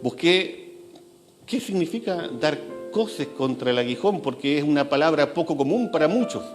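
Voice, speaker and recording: A pastor delivers a sermon in a fairly high, animated voice that rises and falls widely. He repeats key phrases and slows down, sinking low for emphasis. Faint instrumental music plays beneath him. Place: church.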